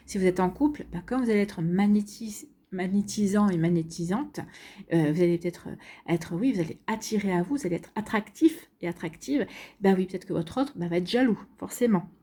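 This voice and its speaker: A woman with a warm, slightly rough mid-range voice gives her viewers a casual tarot reading. She's chatty, packing in lots of fillers and repeating "donc ici" again and again.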